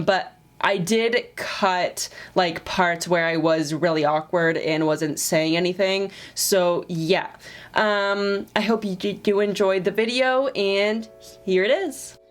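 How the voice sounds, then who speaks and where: This twenty-something woman's voice is on the low side. She vlogs casually to camera, slow, thoughtful and encouraging, with a stutter that brings frequent repeated sounds and restarts.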